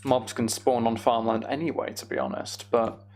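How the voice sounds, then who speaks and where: In a mid-range, slightly mellow voice with little pitch movement, a man talks at normal speed over slight background noise. He's streaming a video game, casually muttering and thinking aloud as he works things out.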